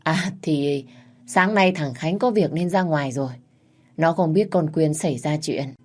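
A woman's voice: low-pitched, a little slow. A woman doing an evasive older mother-in-law.

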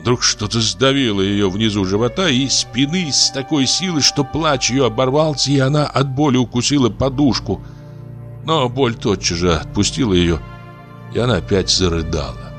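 A man narrating a literary story as an audiobook reader, in a measured, expressive way. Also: mid-range voice, faint music behind.

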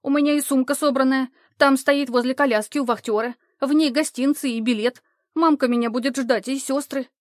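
Woman voicing a brash young girl, loud, insistent, higher voice, dry audiobook sound. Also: steady tone, fairly quick, dry recording, natural voice. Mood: protesting.

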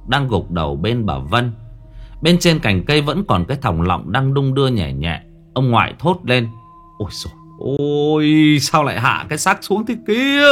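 A man's voice: mid-range voice, a bit bright. A man narrating a horror story with dramatic expression. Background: faint music.

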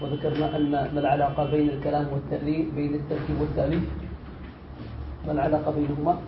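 A man with a fairly high voice teaches a grammar lesson in a roomy space, quizzing his students and echoing their replies before explaining. The recording is dull and lo-fi, with a faint hiss underneath. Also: completely flat delivery, very fast. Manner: quizzes students, repeats their answers, then reads and explains with rising force. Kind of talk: classroom lesson with questions to students.

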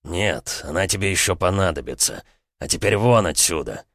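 A man's voice: sits low, lively intonation, moderate pace, fairly bright tone, dry recording, studio quality. A man voicing a stern older prince who gives curt, menacing commands to his son. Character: stern, cold older male prince, a father.

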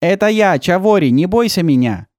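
A man voicing Chavori, a gentle, polite alien creature who speaks slowly and earnestly. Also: high-pitched, expressive, dry recording, studio quality, voice pushed up. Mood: friendly.

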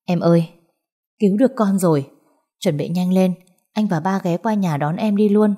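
An anxious young father, respectful and eager, hurrying his words, as a woman storyteller puts him on. The voice stays low and mellow. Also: natural voice. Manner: polite, hurried.

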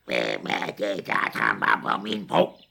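Storybook bridge troll, gruff and menacing, slow and gravelly; a man voices it. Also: rumbling low, big pitch swings, pushed and bright, pitched below the performer's own voice, heavily acted. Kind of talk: children's fairy tale reading.

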